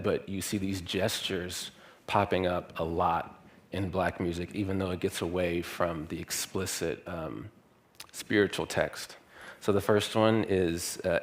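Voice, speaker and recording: A young man from Louisiana giving a university lecture, relaxed and thinking aloud with many fillers. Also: low voice. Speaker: guest lecturer.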